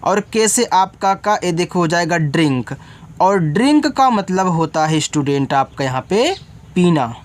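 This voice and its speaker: A man's voice: high-pitched, animated, measured pace. A man teaching beginners to read English, spelling each word letter by letter and then explaining it, often checking whether the learner follows.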